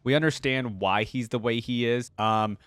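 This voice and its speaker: Recorded dry and at studio quality, this man speaks with a fairly bright, mid-range voice at a moderate pace. He's a reaction host rambling through unscripted, conversational commentary to his viewers, often saying "like" and "right?".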